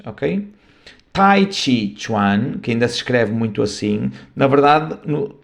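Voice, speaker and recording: A man's voice: medium pitch, creaky, a little mellow. A man with a European Portuguese accent teaching a class, explaining patiently and often checking that his students follow. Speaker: martial arts instructor. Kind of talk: classroom lecture.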